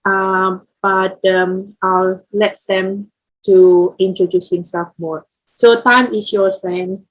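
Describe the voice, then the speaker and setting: A woman's voice: medium pitch, little pitch movement, slow pace, rough recording. A woman organizing a meetup, introducing the speaker hesitantly with many fillers.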